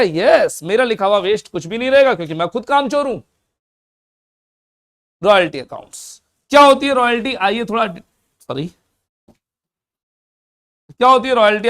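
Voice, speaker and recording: A man teaching accounts in a fast classroom lecture, asking and answering his own questions. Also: high-pitched, fairly bright tone.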